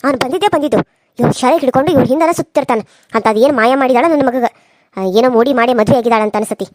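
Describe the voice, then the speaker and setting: A woman's voice: sits high, rapid-fire, darkish tone, dry recording, studio quality, pitched below the performer's own voice, close to an everyday voice. A woman voicing a harsh, scheming, wealthy middle-aged mother-in-law in a cartoon serial, with a North Karnataka accent and a scolding, contemptuous manner. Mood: complaining. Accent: North Karnataka Kannada.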